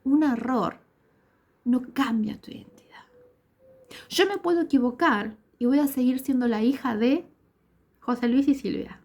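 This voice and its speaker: A woman's voice: high voice, normal speed, a little mellow. A woman with a Rioplatense Spanish accent preaching a sermon in earnest, repetitive, emphatic phrases.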